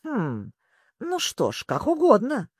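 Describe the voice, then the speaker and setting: A storybook reader voicing a fussy, excitable male griffin who grumbles. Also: medium pitch, unhurried, dry recording, studio quality. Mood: grumbling.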